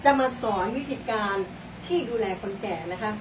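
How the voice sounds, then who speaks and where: A woman's voice: medium pitch, normal speed. An older woman hosting a casual home vlog with her mother, coaxing her through exercises, counting aloud and laughing often. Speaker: host, daughter of her mother. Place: indoors at home. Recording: roomy, distant mic, noticeable background noise.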